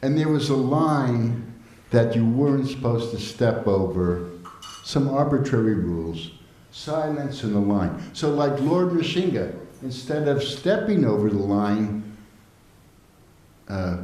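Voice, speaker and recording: An older man in his seventies tells anecdotes to a gathered audience, chuckling now and then as he goes. His voice is mellow and relaxed. The room around him rings with a roomy hall echo. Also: medium pitch, slow. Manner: lively storytelling, chuckling often. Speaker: devotional storyteller. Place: temple hall.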